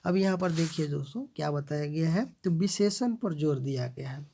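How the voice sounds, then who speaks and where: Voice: mid-range voice, normal speed, vocal fry, mellow, a little hiss or hum. A language teacher in a video lesson who reads each example sentence aloud, then translates and explains it, often addressing viewers as friends.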